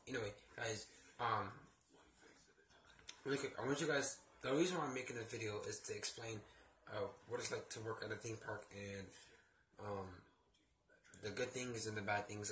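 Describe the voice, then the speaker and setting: A man's voice: fairly low pitch, fairly even intonation, normal speed, long pauses, a bit bright. A young man vlogging casually and hesitantly in his bedroom, under the weather with a sore throat and a cold sore on his lip. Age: young adult. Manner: subdued, hesitant, rambling. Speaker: vlogger, theme park ride worker. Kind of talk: casual vlog chat. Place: small bedroom, indoors. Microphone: phone or laptop at arm's length. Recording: faint noise, handheld home recording.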